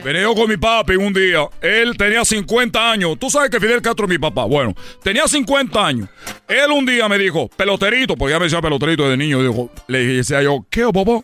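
A man's voice: high voice, very animated, fast, sharp tone, soft background music, heavily acted. Man putting on a rambling comic storyteller. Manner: rambling, repeats himself, laughs at own jokes. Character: rambling man, son of a dictator. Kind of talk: comedy sketch storytelling.

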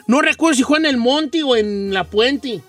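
Mexican male radio host, very high bright voice, slangy and rambling, slightly distant mic, faint music behind. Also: moderate pace, dry recording. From Michoacán, Mexico. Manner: slangy, rambling, animated storyteller. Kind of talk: casual storytelling chat.

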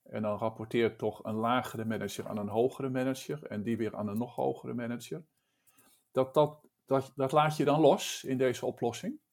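A man's voice: medium pitch, fairly even intonation, normal speed, darkish tone. A man leading a discussion, speaking thoughtfully and often restarting his phrases. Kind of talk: casual discussion.

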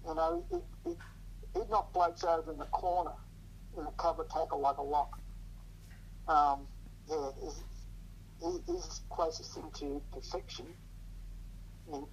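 An older man, a guest chatting casually in a rambling, hesitant way, heard through a low quality speakerphone recording. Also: expressive, measured pace, long pauses, a little hiss or hum, rough recording. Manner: rambling, hesitant, full of ums and restarts. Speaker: guest on a podcast, host's father. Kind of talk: casual chat about rugby league.

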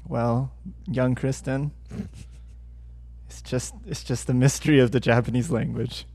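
Man doing a patient japanese teacher, slow, mock-wise, gravelly, mellow. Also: mid-range voice, steady tone, dry recording.

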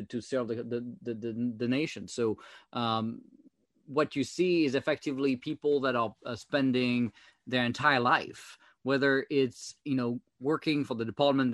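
Man, French accent, blunt urgent interview talk, halting with fillers, dry close sound. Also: medium pitch, no room sound. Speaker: guest, former chief software officer.

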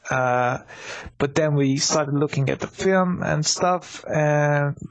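A man's voice: fairly high pitch, takes it slowly. A man co-hosting a casual sports podcast, rambling with many restarts and fillers. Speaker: podcast co-host.

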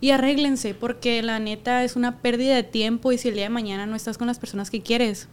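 A woman's voice: fairly high pitch, fairly even intonation, fast talker, clear, resonant tone. A woman with a Mexican accent, talking as a podcast guest in an earnest way, sometimes searching for words and sometimes urging listeners. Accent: Mexican Spanish. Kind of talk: casual chat.

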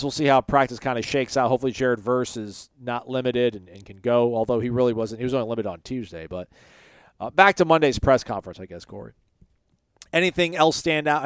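A man's voice: medium pitch, clear, resonant tone, no echo, clean studio sound. A man co-hosting a casual sports podcast, conversational and loose. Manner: conversational, loose, many fillers.

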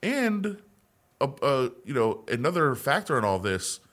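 A man's voice: medium pitch, big pitch swings, a little slow, a bit bright. A man co-hosting a sports podcast, talking in a casual, conversational way with frequent restarts. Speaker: podcast co-host.

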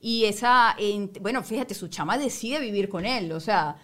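A Venezuelan woman in her thirties, a podcast guest who tells lively stories and laughs often. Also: mid-range voice, moderate pace. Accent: Venezuelan Spanish. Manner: animated storyteller, laughs often. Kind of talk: casual podcast conversation.

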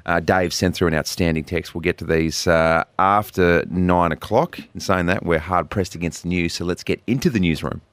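A man's voice: low-pitched, steady tone, normal speed, few pauses, a bit bright, slight background noise. An Australian man hosting a weekend radio show, joking and teasing his co-host in casual banter. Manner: jokey, teasing, upbeat.

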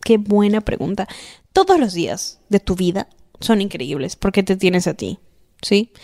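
A woman's voice: medium pitch, very animated, unhurried, a little mellow. A young woman hosting a podcast, giving casual, affectionate advice and often checking in with the listener. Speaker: podcast host.

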